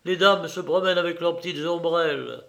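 A man voicing an excitable, boastful fencing master in an audiobook, loud and theatrical. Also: fairly high pitch, brisk, creaky. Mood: mocking. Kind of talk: audiobook character voice.

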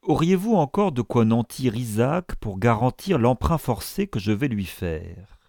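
A man's voice: mid-range voice, big pitch swings, unhurried, darkish tone, no echo, studio quality. A man voicing a commanding army captain who speaks firmly and with authority. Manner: firm, authoritative. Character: commanding male army captain and governor, firm.

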